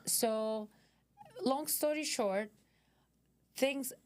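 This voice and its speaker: A woman's voice: high-pitched, drawn-out words. A middle-aged woman from Dubai, a podcast guest in casual interview chat, who halts and restarts her sentences often and is not an English speaker. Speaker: podcast guest, concierge healthcare founder.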